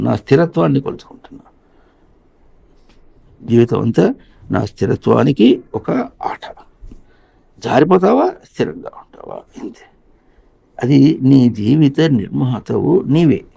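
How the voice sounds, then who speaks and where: A man giving a spiritual discourse, slowly chanting song lines and asking his listeners rhetorical questions. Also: mid-range voice, creaky, mellow, husky. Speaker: spiritual teacher.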